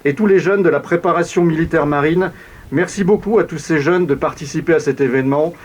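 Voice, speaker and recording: A man with a French accent, acting as master of ceremonies and giving a measured, formal address into a PA microphone outdoors. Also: on the high side. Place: outdoors at a monument.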